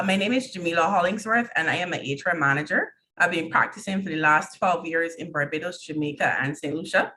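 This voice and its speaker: A woman's voice: low voice, bright, forceful tone, a little hiss or hum, low-quality recording. A woman introducing herself as an HR manager on a panel.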